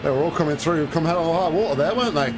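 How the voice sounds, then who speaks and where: A man's voice: on the high side, lively intonation, very fast. A man doing casual live commentary as he drives in a sim race, thinking aloud in a conversational way. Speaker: sim racing driver and streamer. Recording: very loud engine noise behind voice. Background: loud racing car engine.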